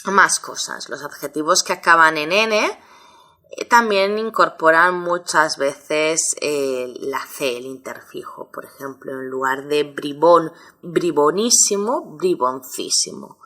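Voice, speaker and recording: A woman's voice: sits low, slow, sharp tone. A woman teaching a grammar lesson, explaining step by step with many examples. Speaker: Spanish teacher.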